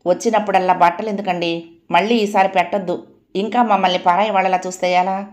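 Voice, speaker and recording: A woman's voice: mid-range voice, steady tone, fast, darkish tone, natural voice. A woman doing a joking son-in-law. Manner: joking, teasing. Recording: roomy echoey home recording.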